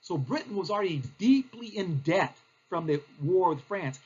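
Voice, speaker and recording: A man's voice: high voice, animated, moderate pace, darkish tone, husky, lo-fi sound. A male teacher, giving a recorded history lecture in a plain, explanatory way with frequent fillers.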